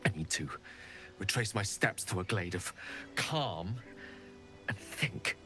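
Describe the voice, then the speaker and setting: Casting: a troubled, formal wizard in a fantasy game, low bright voice, music underneath. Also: male voice, expressive, heavily acted. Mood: troubled, unsettled. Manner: measured, formal phrasing. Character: weary, troubled male wizard companion, politely formal. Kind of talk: fantasy video game acting. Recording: game audio with background music.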